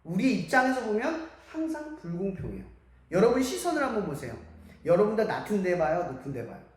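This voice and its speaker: A man preaches to a hall of students as a youth pastor. His pitch rises and falls a great deal, and he keeps putting questions to the listeners. The sound rings with heavy echo from a large church room. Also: brisk. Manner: lively, asks the audience many questions and acts out quotes. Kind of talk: sermon to students.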